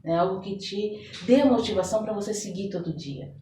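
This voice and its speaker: Warm and medium-pitched, this woman's voice carries a Brazilian Portuguese accent and moves at normal speed. She's a folk blesser and holistic therapist appearing as an interview guest, explaining her work thoughtfully and checking in for agreement as she goes. The sound is echoey, picked up from a distance, with faint noise behind it.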